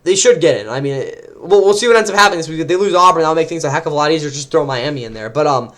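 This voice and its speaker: A young man, rambling excitedly through casual sports predictions as host, often correcting himself mid-sentence. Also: on the high side, very fast.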